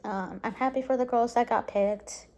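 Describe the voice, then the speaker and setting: A woman's voice: a little high, moderate pace. A woman recapping a concert in a casual vlog to camera at home, gushing and full of "like" and "um" fillers, sometimes dropping to a near-whisper, and tired. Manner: soft, drops into quiet near-whispers at times. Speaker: vlogger.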